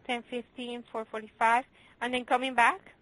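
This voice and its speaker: A woman handles a customer service call as an airline agent. Her voice sits a little high, and she talks in the procedural way of a call center. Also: little pitch movement, normal speed, a bit bright, dry recording, low-quality recording. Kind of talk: customer service phone conversation.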